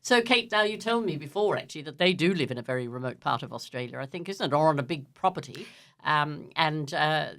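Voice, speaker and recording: An older woman hosts a radio interview in a low, deep voice. She talks gently and haltingly, pausing often with fillers as she leads the conversation. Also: animated. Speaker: radio host.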